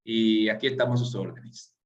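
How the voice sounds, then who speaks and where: A former pastor introducing himself politely to an online class. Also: male voice, fairly low pitch, steady tone, normal speed, highs cut off. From Dominican Republic. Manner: polite, self-correcting.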